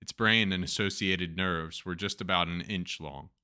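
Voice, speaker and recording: A man's voice: low voice, fairly even intonation, moderate pace, bright, forceful tone, smooth. A man with a Turkish accent who hosts a show, reading news stories aloud and adding chatty, joking asides. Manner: reads text then adds chatty, joking asides. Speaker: host.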